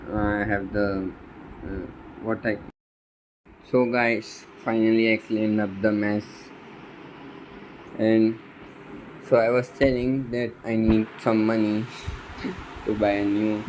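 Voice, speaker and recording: A man vlogging about his electronics project, thinking aloud in a halting way and often restarting sentences, sounding sleepy. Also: lowish voice, background noise. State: sleepy, yawning. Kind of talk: thinking aloud while tinkering.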